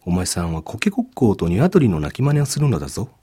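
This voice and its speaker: Old stone guardian, male, grave and fatherly, low dark voice, read by a male narrator. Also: huge pitch swings, fast talker, husky, exaggerated voice. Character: kindly elderly male stone guardian statue.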